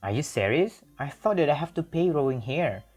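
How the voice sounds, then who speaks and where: This is a playful young woman traveller with a bright, friendly way of talking. Her voice sits clearly higher as a man puts her on for an audiobook. Soft music plays faintly behind. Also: expressive, normal speed.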